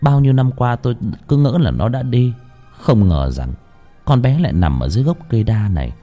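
Man with a dark, emotional storytelling voice. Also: mid-range voice, sing-song, fairly quick. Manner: emotional, swinging from hushed to pleading. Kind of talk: dramatic ghost story narration. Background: faint music.

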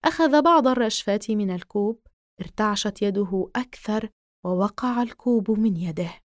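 A woman narrating a horror novel in the first person as an audiobook, in a steady, measured reading. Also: medium pitch, dry recording, studio quality.

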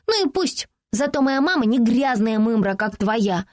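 A woman reads aloud as a small, earnest girl with prim, old-fashioned phrasing, pitched high above an ordinary speaking voice. The lines leap up and down in lively swings. The booth is dry, with no room sound. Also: moderate pace, no room sound. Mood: indignant. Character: small bookish girl, earnest and easily hurt. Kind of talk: audiobook character voicing.

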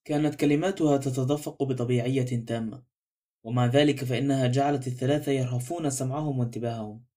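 A man narrating a mystery novel as a spoken book, telling the story in a steady, even manner. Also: medium pitch, quick pace. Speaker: audiobook narrator. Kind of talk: scripted narration.

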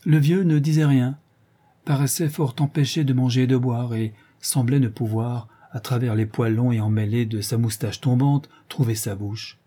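Male audiobook narrator, measured and expressive; dark, husky timbre. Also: medium pitch. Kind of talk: audiobook storytelling.

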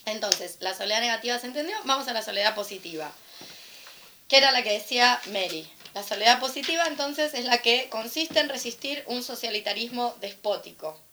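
A young adult woman with a Rioplatense accent speaks at a panel in a loose, frank storytelling way. Her voice sits a little high and sounds bright. She slips quoted voices into her talk as she goes. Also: normal speed, a little hiss or hum. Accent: Rioplatense Spanish. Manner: animated, acts out quoted voices, frank and irreverent. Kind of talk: casual storytelling commentary at a panel.

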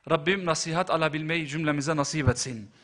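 A man preaching a sermon, telling a story with fervor and moving from hushed, slow passages up to loud, near-shouted ones. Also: on the high side.

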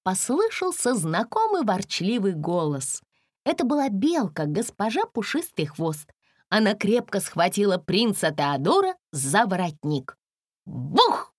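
A woman narrating a fairy-tale audiobook in an expressive, measured storytelling manner. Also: mid-range voice, dry recording, studio quality.

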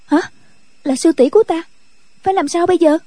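A man's voice: extremely high pitch, a little fast, darkish tone, no room sound, pitched above the performer's own voice. A man voicing a timid young nun who speaks hesitantly and pleads in an audiobook. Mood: frightened.

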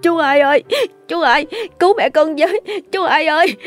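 A woman's voice: mid-range voice, moderate pace, a little mellow, soft background music, lightly acted. A woman voicing a poor, frightened young boy who pleads through tears. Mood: pleading sobbing. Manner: crying, pleading.

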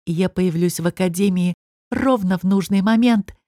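A woman's voice: lowish voice, normal speed, mellow, no echo, close to an everyday voice. Brief: a female narrator doing a mocking, irritable man, dry recording. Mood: sarcastic. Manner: growling, sarcastic. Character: male court official, irritable, mocking.

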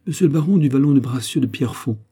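A man voicing a teasing musketeer captain from a classic adventure storybook. He talks briskly and coaxes. The voice sits a little higher than the reader's own dark, husky tone. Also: lively intonation. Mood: coaxing.

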